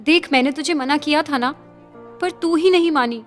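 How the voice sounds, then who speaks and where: Lady doing a young college girl, high voice, soft and hushed, kinda pleading. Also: moderate pace, soft background music, lightly acted. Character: young college woman, stubborn and quick-tempered.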